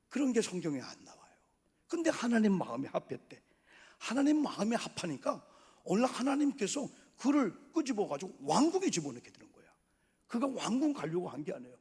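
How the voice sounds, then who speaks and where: A middle-aged man preaches with a husky, high-set voice. His pitch leaps up and down as he tells the story, and he acts out the voices he quotes. The sound carries the long reverb of a church sanctuary. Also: darkish tone. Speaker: pastor. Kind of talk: sermon.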